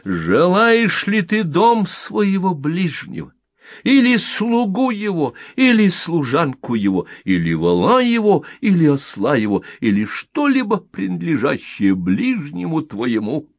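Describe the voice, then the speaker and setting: A man's voice: on the high side, huge pitch swings, a little slow, no echo, clean studio sound, voice pushed up, exaggerated voice. A man reading an audiobook aloud, voicing a fervent male evangelist preacher who rouses a crowd with rhetorical questions. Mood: exclaiming.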